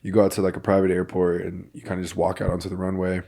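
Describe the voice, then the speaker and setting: Man, fairly low voice, lively storyteller, casual podcast chat. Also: rapid-fire, vocal fry. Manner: animated storyteller, builds to excited bursts. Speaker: podcast host.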